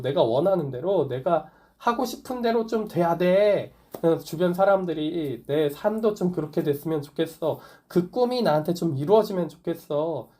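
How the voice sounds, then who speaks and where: Male pastor, conversational sermon, slightly high and mellow voice. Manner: conversational preaching, asks the congregation questions, light laughs. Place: small church or online worship service.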